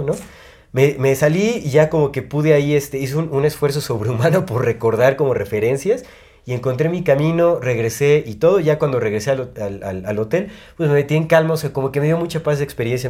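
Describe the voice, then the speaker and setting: A man's voice: medium pitch, a little mellow. A young man with a Mexican Spanish accent, rambling through a personal story on a podcast with lots of fillers and restarts. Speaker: podcast co-host. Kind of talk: casual chat, storytelling.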